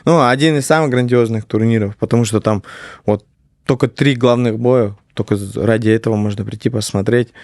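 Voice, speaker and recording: A man's voice: mid-range voice, fairly even intonation, brisk, darkish tone, dry recording, studio quality. A man chatting casually about sport as a guest commentator, repeating phrases for emphasis. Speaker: guest commentator on MMA talk show.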